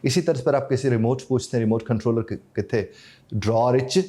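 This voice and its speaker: A man with a Pakistani Urdu accent, talking through his teaching method in an interview. His voice is mellow and dark, at an ordinary pitch for a man, and now and then he acts out quick little exchanges to make a point. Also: fairly even intonation. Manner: acts out short dialogues to illustrate points. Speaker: life coach and English trainer, guest. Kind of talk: explanatory interview talk.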